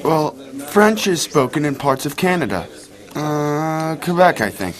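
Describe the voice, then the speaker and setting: An actor playing a friendly young man in a scripted dialogue for English learners, speaking clearly and carefully. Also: fairly high pitch, expressive. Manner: clear, slow, carefully spoken. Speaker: lesson dialogue character.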